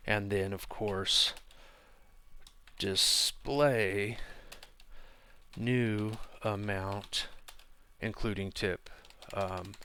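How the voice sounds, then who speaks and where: A man's voice: fairly low pitch, smooth. A man giving a casual screencast coding tutorial, thinking aloud with fillers as he types at his desk. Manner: relaxed, thinking aloud with fillers while typing. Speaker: programming instructor.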